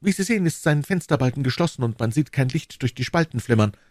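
A man voicing a shrill, scheming middle-aged husband who fawns over a stranger. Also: expressive, fast, darkish tone, no echo, studio quality, close to an everyday voice. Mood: fawning.

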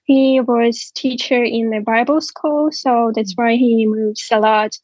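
A woman in her twenties with a Ukrainian accent, telling her story as an interview guest, slow and halting with many pauses. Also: a little high, steady tone, a little mellow, no room sound, lo-fi sound. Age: 20s. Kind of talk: interview testimony.

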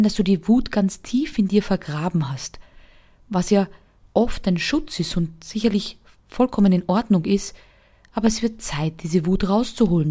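A woman's voice: medium pitch, warm tone. A woman hosting a podcast about anger, talking directly to her listeners in a coaching way and putting questions to them.

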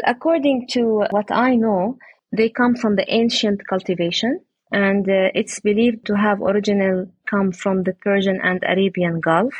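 A woman speaks with a slightly husky, breathy voice. She explains earnestly and step by step, pausing often with small hesitations. The sound is dry and close, with no room echo. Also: mid-range voice. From Palestine. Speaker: interviewee, date palm grower. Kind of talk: explanatory conversation.

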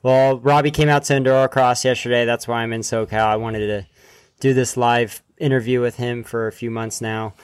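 A man's voice: mid-range voice, level tone, a little fast, clear, resonant tone, dry recording. Casual male podcast host out in a backyard. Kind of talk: casual interview chat. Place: outdoors in a backyard.

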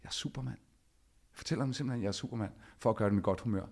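A podcast host with a low, gravelly voice tells a personal story. He delivers it with animation, acting out the quoted dialogue.

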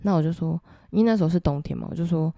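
Young woman, Taiwanese Mandarin accent, podcast storyteller, low and mellow voice, dry close sound. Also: racing, no echo. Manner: chatty, addresses listeners directly. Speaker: podcast host. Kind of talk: casual ghost-story telling.

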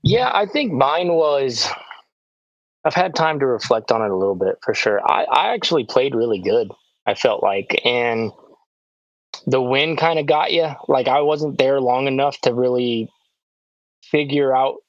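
A man and pro disc golfer, recapping his tournament in a relaxed, rambling casual chat full of "like" fillers. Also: medium pitch, measured pace, dry recording. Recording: dull, dry lo-fi sound.

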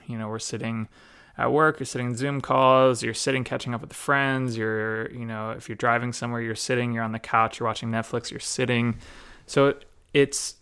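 A young adult man, a mobility coach, explaining in a relaxed conversational way, with plenty of fillers and restarts. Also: mid-range voice, clear, resonant tone. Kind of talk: casual explanatory talk.

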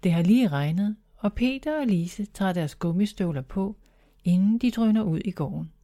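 A woman narrating a children's story in a calm, clear manner. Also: mid-range voice.

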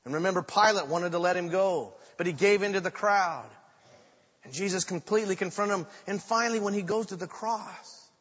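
An older man delivers a sermon with dramatic storytelling, his fairly high voice rising to loud declarations and dropping to near whispers. The recording is slightly muffled. His voice rings out with a long echo through a large church sanctuary. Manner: dramatic storytelling preacher, swinging from loud to hushed. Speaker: pastor. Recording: muffled sound with long reverb in a large room.

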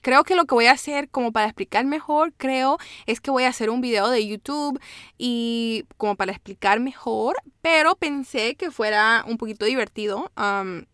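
Woman, podcast host, casual code-switching monologue, smooth clear voice, dry close sound. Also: fairly high pitch, moderate pace, fairly bright tone, no echo. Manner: chatty, switches between Spanish and English, many "¿verdad?" tags.

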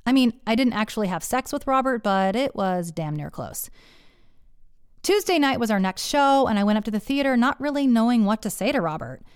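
A woman's voice: a little high, expressive, fairly quick, clear, resonant tone, no room sound, studio quality. A woman telling a first-person story in a candid, profane way, acting out the voices she quotes.

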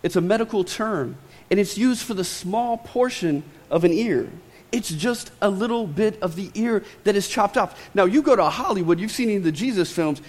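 High-voiced preacher guy, acts out quotes, gets loud then drops quiet, big hall echo. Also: animated, moderate pace. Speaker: pastor. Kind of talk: sermon. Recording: long hall reverb.

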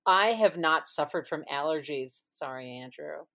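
Female host, low voice, loose chatty delivery with easy laughs. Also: normal speed, gravelly, fairly bright tone. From Minnesota, US. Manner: chatty and rambling, laughs easily. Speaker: podcast host. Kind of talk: casual chat.

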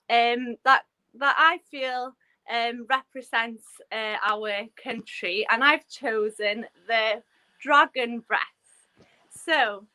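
A Welsh woman teaching a yoga breathing technique and a few Welsh words in a gentle, unhurried way, with many fillers. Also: a little high. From Wales. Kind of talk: relaxed live-stream lesson.

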